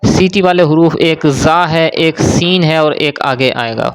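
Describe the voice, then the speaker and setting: A man teaching a beginners' Quran reading lesson, explaining how to say each letter and then chanting it out slowly. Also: on the high side, clear, resonant tone. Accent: Pakistani. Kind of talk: step-by-step recitation lesson.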